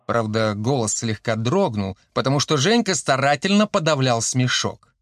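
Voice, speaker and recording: A man reading an audiobook in steady storytelling narration. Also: mid-range voice, normal speed, no echo, clean studio sound.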